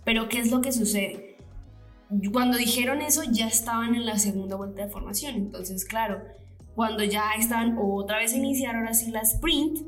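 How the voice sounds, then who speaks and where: A woman's voice: a little high, steady tone, normal speed, echoey room, soft background music. A woman co-hosting a podcast, chatting casually about a race and acting out her own reactions with gasps and whispers. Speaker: podcast co-host. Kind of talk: casual chat recapping a race.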